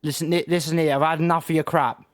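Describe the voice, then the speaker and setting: A man's voice: fairly high pitch, little pitch movement, quick pace, no echo, clean studio sound, lightly acted. A man doing a huffy scolding elf diplomat. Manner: insulting, lecturing.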